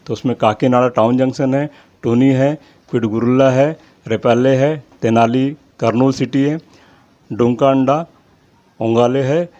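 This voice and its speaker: A man's voice: mid-range voice, darkish tone. Man steadily reading out a long list. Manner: apologetic about his pronunciation. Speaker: channel host. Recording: slightly dull lo-fi audio.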